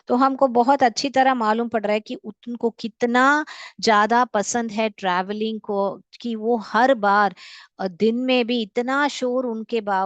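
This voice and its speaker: A woman teaching a school class in Hindi and Indian-accented English. She speaks slowly and patiently, breaking words into syllables and repeating them for dictation. The recording is dry and close. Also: medium pitch, no echo, dull audio. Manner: mixes Hindi and English, calls students "beta".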